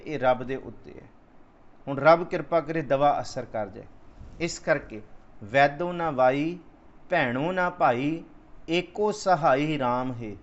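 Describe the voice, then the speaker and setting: A man giving a Sikh scripture discourse, slowly chanting verses and then explaining them in plain speech. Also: medium pitch. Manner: slow sung recitation of verses between plain explanation. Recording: slightly dull lo-fi sound.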